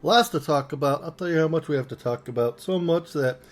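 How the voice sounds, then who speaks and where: A man's voice: fairly high pitch, fairly quick. A male podcast host in casual solo chat, playful and chatty, talking while he eats.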